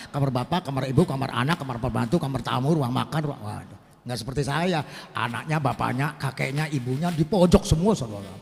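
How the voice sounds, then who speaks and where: A man's voice: on the high side, big-room sound. A middle-aged man preaching a humorous sermon at a religious gathering, telling a story and joking with the audience. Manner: joking, addresses the audience as Pak and Bu. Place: religious gathering in a housing estate.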